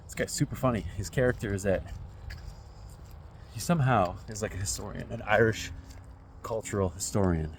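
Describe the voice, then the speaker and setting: A man's voice: on the low side, moderate pace, pauses often, slight background noise. A man in his forties talks to a phone on a selfie stick while walking outdoors through a residential neighborhood, musing in a rambling, self-deprecating way. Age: 40s. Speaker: vlogger. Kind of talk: casual walking vlog.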